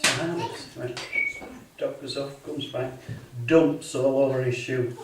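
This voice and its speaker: A man doing stand-up in a church hall, telling deadpan dialect jokes and laughing at his own punchlines. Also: mid-range voice, takes it slowly. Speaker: stand-up comedian. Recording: echoey hall, heard from far off, noisy.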